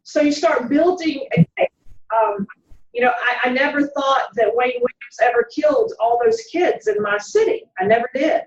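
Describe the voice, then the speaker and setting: A woman's voice: high-pitched, moderate pace, distant mic. Southern woman guest, chatty storyteller, off-mic in a roomy room with dull sound. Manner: chatty, swooping intonation, acts out quotes. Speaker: private investigator, guest. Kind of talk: animated storytelling in conversation.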